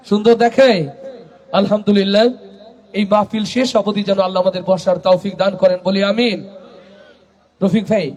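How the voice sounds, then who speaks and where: High-voiced man rousing a religious crowd. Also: level tone, a little fast, pauses often. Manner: rousing call-and-response, urging the crowd to answer louder; rising into shouted chants. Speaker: gazal singer leading a religious gathering. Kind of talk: live address to a religious gathering. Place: large public religious gathering. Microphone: stage microphone through a public address system.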